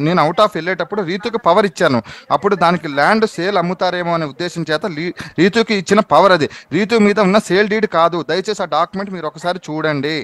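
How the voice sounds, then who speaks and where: A man with a high-pitched, slightly bright voice calls in to a live TV show by phone to explain his side. He's insistent but polite, almost pleading, and keeps repeating himself.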